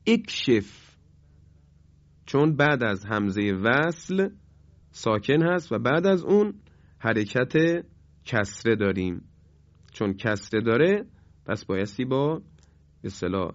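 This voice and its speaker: A man teaching Quran recitation in a broadcast lesson, patiently repeating each example slowly and clearly. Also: mid-range voice, no echo. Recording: dull, dry studio sound.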